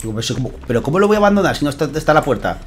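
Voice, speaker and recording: A man with a Spain Spanish accent giving chatty, excitable live gameplay commentary, swearing and thanking his viewers. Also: fairly high pitch, racing, soft background music. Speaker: gaming streamer.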